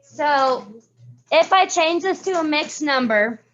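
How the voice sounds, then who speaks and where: A woman teacher leading a math class, talking students through each step and calling on them by name, her voice a little hoarse. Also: sits high, animated, slow pace, a bit bright, dull audio. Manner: walks students through steps, calls on pupils by name. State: voice getting hoarse.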